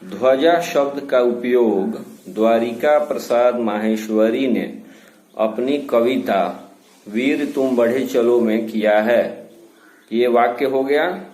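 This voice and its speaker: A male school teacher giving a recorded class lesson, slowly repeating each word so pupils can copy it. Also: mid-range voice, darkish tone, roomy sound, low-quality recording.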